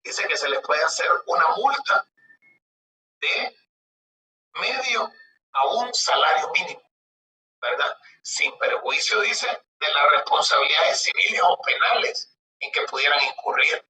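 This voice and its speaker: High-pitched male lecturer in an echoey room. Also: lively intonation, measured pace, long pauses. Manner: conversational, poses rhetorical questions with tag questions. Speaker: law lecturer. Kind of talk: lecture reading and explaining legal articles. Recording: roomy, distant mic with background noise.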